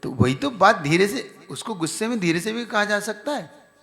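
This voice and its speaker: A man's voice: high voice, lively intonation, moderate pace, a bit bright. A man, a monk, giving a conversational sermon and putting questions to his audience. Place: large hall with an audience. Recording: reverberant hall.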